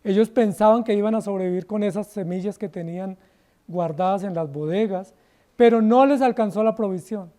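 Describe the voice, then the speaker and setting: A man from Colombia with a Colombian Spanish accent, a pastor preaching a sermon with rhetorical questions, slowing down to stress key words. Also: high-pitched, warm tone.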